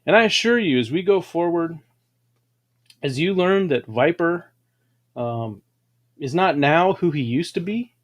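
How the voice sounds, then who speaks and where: A man's voice: fairly high pitch, lively intonation, unhurried, long pauses. A man hosting a livestream, telling grand, boastful stories in a dramatic, preachy way. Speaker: livestream host. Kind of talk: grandiose motivational storytelling.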